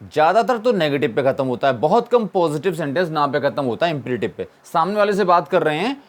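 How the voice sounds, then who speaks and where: This man's slightly high, sing-song voice moves at a quick pace as he runs an English grammar lesson. Like a classroom teacher, he asks questions, supplies the answers himself, and repeats the main points.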